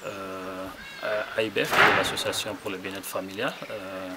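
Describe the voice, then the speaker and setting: A man's voice: low voice, little pitch movement, normal speed, very noisy. A middle-aged man from Congo working in humanitarian aid, answering interview questions outdoors with many hesitant fillers. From Democratic Republic of the Congo. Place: outdoors beside a brick building.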